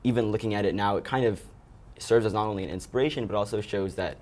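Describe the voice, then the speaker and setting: A teenage boy from Ethiopia, a student guest in an interview, talking eagerly and quickly with many restarts. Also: fairly low pitch, darkish tone. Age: teens.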